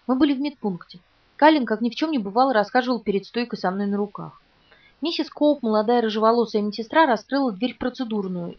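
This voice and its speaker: A woman narrating an audiobook in the first person, in a restrained, quiet way. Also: mid-range voice. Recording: distant, muffled, soft music.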